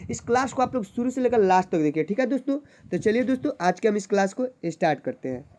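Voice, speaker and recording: A woman teaching basic reading, who quizzes her listeners and repeats each point slowly and patiently. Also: mid-range voice, animated, a little mellow, a little hiss or hum. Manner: slow, drawn-out letter sounds. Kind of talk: basic literacy lesson.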